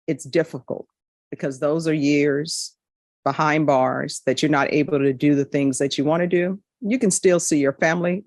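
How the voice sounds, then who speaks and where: A woman's voice: low voice, darkish tone, no room sound. A woman judge speaking firmly and directly at a courtroom hearing, addressing defendants. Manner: firm, measured, direct.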